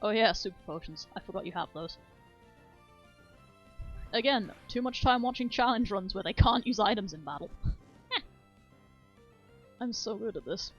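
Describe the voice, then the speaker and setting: A woman's voice: mid-range voice, animated, normal speed, long pauses, lo-fi sound, soft background music. A woman streamer chatting casually and rambling enthusiastically about speedrun details, swearing freely. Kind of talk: casual game-stream chat.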